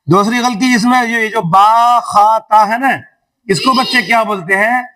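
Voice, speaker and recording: In a classroom reading lesson, a man drills children through call-and-response, echoing questions back and drawing out every syllable he demonstrates. He has a high, pushed, bright voice on a low-quality recording.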